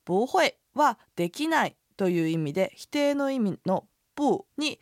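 A woman co-hosting a radio language lesson as an inn proprietress, chatty and lively. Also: on the high side, measured pace, no room sound, clean studio sound. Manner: chatty, lively, laughs easily.

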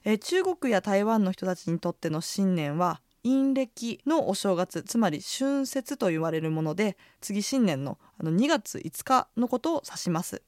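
A woman innkeeper chats as co-host on a radio program. She talks in an easygoing way, often pausing to find words. Her pitch is mid-range, and the studio sound is dry. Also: dry recording. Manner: relaxed, chatty, many hesitations. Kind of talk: casual radio chat.

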